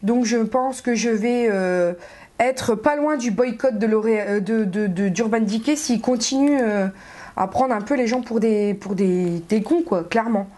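A woman talking through a casual makeup haul as a beauty vlogger. She is chatty and expressive, swears offhandedly, and stammers and repeats herself when worked up. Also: fairly high pitch, a little slow.

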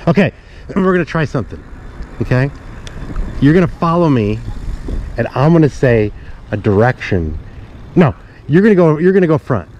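This middle-aged vlogger's slightly high, sing-song voice carries a darkish tone, moving at a moderate pace with long pauses. He chats and rambles to viewers while riding through a suburban street, adding jokey asides. Dull action-camera audio picks up street noise.

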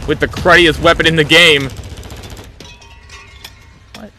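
A young man streaming a shooter game in a small room at home, joking with chat and breaking into sudden shouts, talking into a headset mic. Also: a little high, steady tone, slow, faint music behind. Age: young adult. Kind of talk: casual live-stream chat while gaming. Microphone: headset, seen on webcam.

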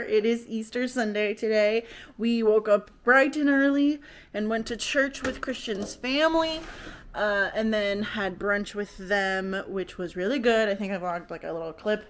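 A woman's voice: medium pitch, a bit bright. A young woman talking casually to the camera in a home vlog. She rambles and laughs often, and she pokes fun at herself. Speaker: vlogger.

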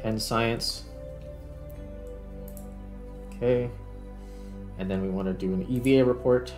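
Hosting a gaming video, a man thinks out loud in relaxed commentary as he plays. He speaks slowly in a steady, medium-pitched voice over background music.

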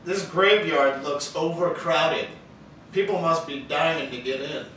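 A young man casually telling jokes and bantering with a friend, bro-ish and quick to laugh. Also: on the high side, fairly bright tone. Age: young adult. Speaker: contestant in a try-not-to-laugh joke challenge. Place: living room couch, indoors. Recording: echoey room, distant mic, faint noise.

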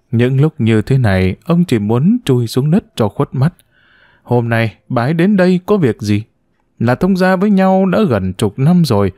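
A man narrating a family drama story in an expressive audiobook style. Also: medium pitch, no room sound, studio quality.

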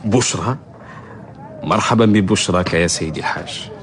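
An actor playing a righteous humble barber in a historical radio drama, declaiming formal Arabic with passion. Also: male voice, sits low, normal speed, slight background noise, natural voice. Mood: welcoming. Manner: impassioned, declaiming.

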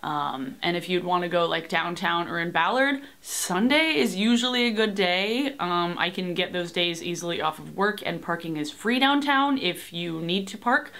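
A young woman vlogs casually from a small bedroom, recorded on a webcam at desk distance. Her voice is fairly low, gravelly and fairly bright, with lively intonation, normal speed and hardly any pauses. She rambles along, full of "like" and "um" and casual swearing.

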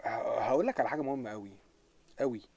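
A man's voice: mid-range voice, rapid-fire, creaky, breathy edge. A man with an Egyptian Arabic accent, hosting a casual live stream, reading out comments and joking with his viewers with lots of laughter. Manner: joking, animated, laughs often.

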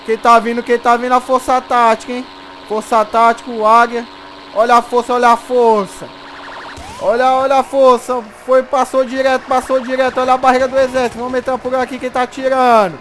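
High-voiced excited gamer man. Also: slight background noise. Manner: excited, repeats every phrase twice, slangy. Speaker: gameplay commentator. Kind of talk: casual gameplay commentary.

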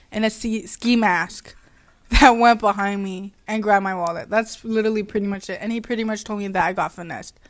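A young woman telling a story in a casual vlog chat, animated and laughing between lines. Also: mid-range voice. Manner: animated, laughing, sassy retelling. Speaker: vlogger.

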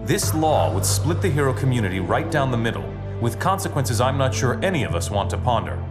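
A man performs a confident American superhero industrialist for a game cutscene. His measured, weary delivery moves expressively up and down at a middle pitch, over loud music. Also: sing-song, natural voice. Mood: measured, formal. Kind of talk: dramatic video game cutscene acting.

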